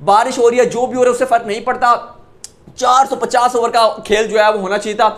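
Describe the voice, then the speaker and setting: A young man gives an animated, opinionated cricket analysis, gesturing as he talks in a small indoor room. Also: extremely high pitch, fairly quick. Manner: animated, gesturing with his hands. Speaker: cricket vlogger.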